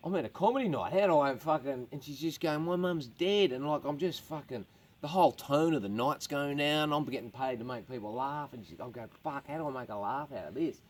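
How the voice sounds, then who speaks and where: A man's voice: medium pitch, brisk. An Australian man, a stand-up comedian, telling crude stories to a small live audience, swearing freely and laughing at his own jokes. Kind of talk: crude storytelling to a small crowd. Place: outdoors at a farm with a live audience.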